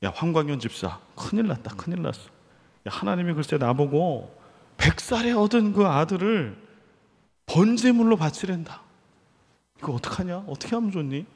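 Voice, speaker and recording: A man's voice: on the high side, big pitch swings, normal speed, a little mellow, long reverb tail. A man voicing the aged patriarch Abraham in a sermon, frantically pleading for advice. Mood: alarmed. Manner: frantic, pleading, casual speech. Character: panicked elderly patriarch Abraham, old man.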